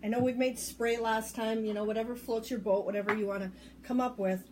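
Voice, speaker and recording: A woman's voice: on the high side, fairly even intonation, a little fast, darkish tone, a little hiss or hum. A woman co-hosting a casual kitchen demonstration, chatty and explaining as she goes, with frequent ums. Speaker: co-host of a demo show. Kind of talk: casual chat while demonstrating recipes.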